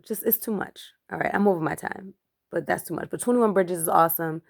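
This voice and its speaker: Low creaky-voiced woman reviewing a movie. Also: brisk. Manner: chatty, emphatic, gets animated when ranting. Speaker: film reviewer. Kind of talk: casual movie review vlog.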